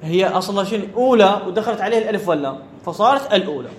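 A high-pitched man teaches a grammar class. He keeps asking whether the point is clear and repeats key words. Faint noise sits under the recording. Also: animated, racing. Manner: asks students questions and repeats key words. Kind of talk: classroom lecture.

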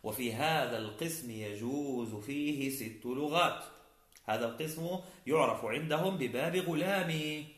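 A man's voice: medium pitch, a bit bright. Man giving an echoey grammar lecture. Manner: explains step by step, drawing out the example words slowly. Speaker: grammar teacher. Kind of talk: classical Arabic grammar lecture.

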